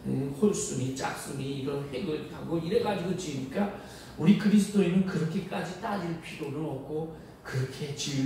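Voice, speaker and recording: A male pastor preaching a sermon, acting out quoted inner voices with rising pitch. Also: creaky, dark tone, a little hiss or hum. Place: church sanctuary. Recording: echoey church hall, voice from far off, faint ambience.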